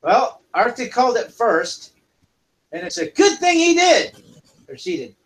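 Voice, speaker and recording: A man's voice: very high voice, very animated, unhurried, creaky, fairly bright tone, rough recording. A man narrating as dungeon master in a casual, rambling way. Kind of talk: narrating a tabletop game.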